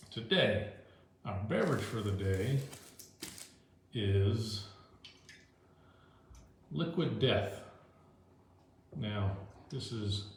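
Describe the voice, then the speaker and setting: A man with a lowish voice hosts his food-tasting show, chatting loosely to the camera and rambling through fillers and restarts. He recorded it indoors at home, in a very echoey room with a faint hiss behind him. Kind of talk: casual rambling talk to camera. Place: indoors at home, moved in from the deck.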